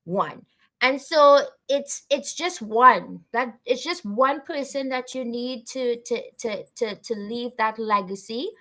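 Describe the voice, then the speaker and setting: A Canadian woman, a guest on a conversational podcast interview, speaks earnestly and reflectively with frequent fillers and restarts. Her voice is on the high side with a sharp tone, and she takes it slowly.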